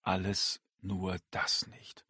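A man voicing a composed, world-weary man in an audiobook, speaking in a low, soft murmur. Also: animated, a little fast, slightly rough, no room sound, studio quality. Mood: quiet, dry.

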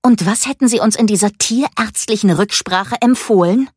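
A woman voicing an angry, defiant teenage girl who talks in a sharp, confrontational way. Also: lowish voice, normal speed, no echo, studio quality, close to an everyday voice.

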